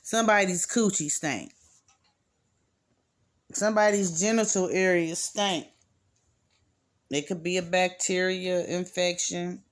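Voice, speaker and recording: A woman's voice: fairly low pitch, fairly even intonation, slow, pauses often. A woman giving a casual, rambling reading to her viewers, blunt and cursing freely. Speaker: card reader.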